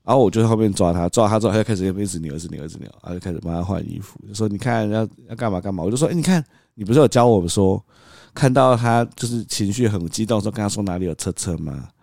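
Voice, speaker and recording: Guy telling a toddler story, low voice that jumps all over, dry close mic. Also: rapid-fire, gravelly, dry recording. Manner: animated, acts out scenes, laughs often. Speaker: podcast co-host, father. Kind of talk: casual storytelling chat.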